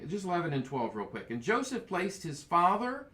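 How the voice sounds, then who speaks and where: Bright-voiced man leading Bible study. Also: high-pitched, wildly swooping pitch, moderate pace. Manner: enthusiastic, reads scripture aloud, jokes. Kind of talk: casual Bible study teaching.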